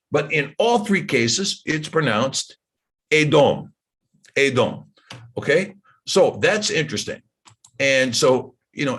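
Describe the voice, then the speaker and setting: A man teaching scripture in a casual, animated way, firing off rhetorical questions and jokey asides to himself. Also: mid-range voice. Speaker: Bible teacher.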